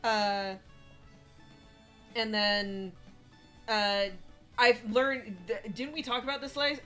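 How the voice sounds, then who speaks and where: A woman's voice: fairly high pitch, fairly even intonation, slow, a bit bright. A young woman co-hosting a gaming stream, chatting casually, swearing freely and often restarting her sentences. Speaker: streamer co-host. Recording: faint game music behind.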